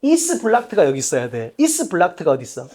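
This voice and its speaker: Lively woman tutor firing rhetorical questions. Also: fairly low pitch, slightly rough. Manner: emphatic, quizzing students with rapid rhetorical questions; blunt and colloquial, repeating key points. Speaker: English exam tutor. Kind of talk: lecture at a whiteboard.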